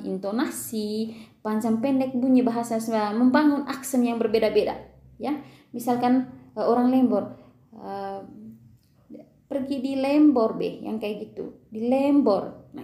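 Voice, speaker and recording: A woman teacher gives a recorded lesson in a somewhat high, gravelly voice. Her tone is mellow. The room adds a noticeable echo. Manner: explanatory, asks questions to students, frequent fillers.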